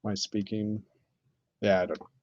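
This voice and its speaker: A man chatting casually on a live stream while building, thinking aloud with many pauses and fillers. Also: lowish voice, steady tone. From Canada. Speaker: streamer building with toy bricks. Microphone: computer mic on live stream. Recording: dull lo-fi stream audio.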